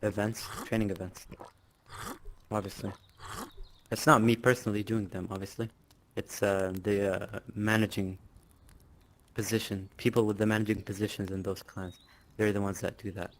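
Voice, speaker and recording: Boastful man with a flat, lowish voice. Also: normal speed, pauses often, slight background noise. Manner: boastful, casual, with filler words and laughs. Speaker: interviewee, clan leader. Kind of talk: casual interview chat.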